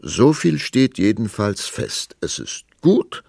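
A man's voice: on the low side, big pitch swings, slow pace, gravelly, a little mellow, breathy edge, no room sound, clean studio sound, voice pushed up, heavily acted. A man voicing a quarrelsome, pompous king who snarls and blusters, raising his voice for an audiobook. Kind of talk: audiobook character voice.

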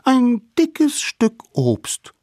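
A man voicing the tiniest of a band of little cave children, a cunning, eager boy who chatters in a high voice. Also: wildly swooping pitch, extremely slow, a little mellow, no echo, studio quality, full character voice. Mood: eager, persuasive.

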